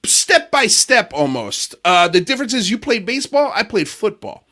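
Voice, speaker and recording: A man's voice: high voice, very animated, normal speed, bright, forceful tone. A man from Miami hosting a casual podcast livestream, laid-back and chatty, saying "dude" a lot and laughing easily. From Miami, USA. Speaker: podcast host.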